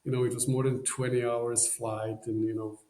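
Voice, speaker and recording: A Polish man with a Polish accent, a podcast guest, tells a story in a mellow, medium-pitched voice with little pitch movement and a moderate pace. His talk is casual and rambling, packed with "you know" fillers and non-native phrasing, and the sound is roomy.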